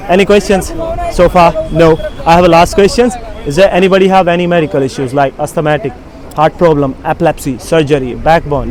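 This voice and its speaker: A man giving a rafting safety briefing outdoors in halting, non-fluent English, often checking that the group follows. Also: high voice. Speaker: river rafting safety instructor.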